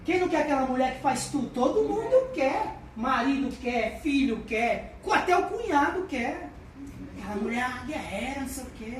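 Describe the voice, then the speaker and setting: A woman with a Brazilian accent giving a humorous motivational talk to an audience. She is chatty and animated and acts out voices. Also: high voice, moderate pace. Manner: chatty, tags lines with "né". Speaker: lecturer. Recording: echoey, mic far off, background noise.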